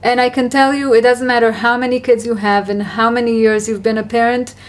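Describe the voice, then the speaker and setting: A woman with a slightly high voice talks through parenting advice in a relaxed Q&A chat. She sounds earnest and reflective, and gently encourages the listener. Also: brisk. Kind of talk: casual Q&A conversation.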